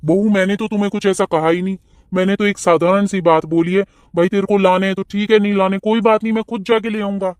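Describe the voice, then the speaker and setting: A man voicing a patient, mild-mannered farmer in a cartoon who tries to calm the family down. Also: high-pitched, fast, smooth, no echo, clean studio sound, lightly acted. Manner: placating, patient. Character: mild-mannered farmer, older brother-in-law.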